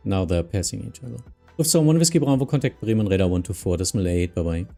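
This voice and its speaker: A man's voice: fairly low pitch, fast talker, gravelly, dark tone, faint music behind. A man with a German accent streaming as an air traffic controller, mixing radio phraseology with casual remarks.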